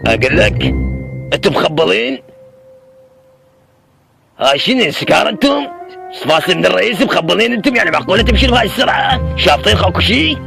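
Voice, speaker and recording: A man's voice: high voice, very animated, quick pace, creaky, pauses often, fairly bright tone, soft background music, heavily acted. A man playing a stern, suspicious traffic policeman in a comedy skit, interrogating in Iraqi Arabic. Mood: stern, scolding. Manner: interrogating, bossy.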